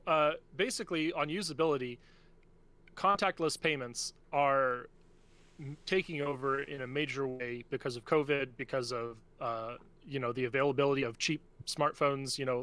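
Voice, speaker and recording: A man talking enthusiastically in a casual group discussion over a video call from a low-spec computer. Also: steady tone, normal speed, fairly bright tone. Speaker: discussion participant.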